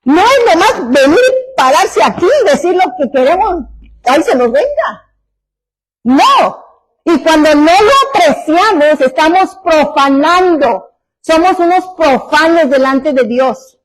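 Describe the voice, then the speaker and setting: A woman's voice: high-pitched, expressive, unhurried, rough recording. A woman pastor preaching a sermon, emphatic, full of rhetorical questions to the congregation.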